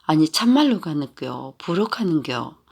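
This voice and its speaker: Guy reading as a tired mom muttering under her breath, gravelly tone. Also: a little high, big pitch swings, moderate pace, exaggerated voice. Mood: weary. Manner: soft muttering. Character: weary middle-aged mother, muttering.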